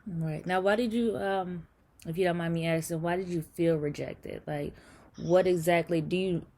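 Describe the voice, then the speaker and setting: A woman hosting a casual remote interview, friendly and relaxed, with plenty of "um" and "like". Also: on the low side, normal speed. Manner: friendly, relaxed, chatty with fillers. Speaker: interview host.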